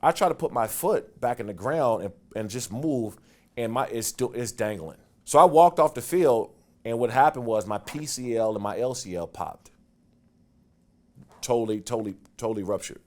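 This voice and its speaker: A man in his forties telling stories from his football career in a casual interview, animated and getting loud and quick when excited. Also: medium pitch. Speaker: guest, former football player.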